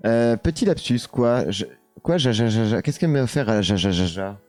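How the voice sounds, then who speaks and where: A man's voice: medium pitch, lively intonation, moderate pace, a little mellow, no echo, faint music behind. A man with a French accent hosting a casual live stream, hesitant with many fillers, reading chat comments aloud and answering them.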